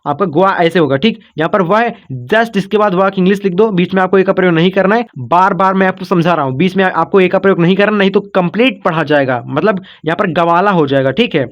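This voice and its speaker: A man's voice: high-pitched, quick pace, few pauses, lo-fi sound. A man teaching an online spelling lesson, patiently breaking words into syllables, repeating himself often and checking in with his students. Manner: calls listeners "kids" and "brother", checks in with "okay".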